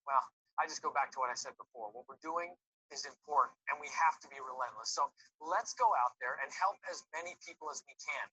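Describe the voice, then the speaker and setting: A man's voice: mid-range voice, a little fast, bright, forceful tone, breathy edge, lo-fi sound. A man giving an emphatic, rallying sign-off in a recorded company announcement. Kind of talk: scripted corporate sign-off.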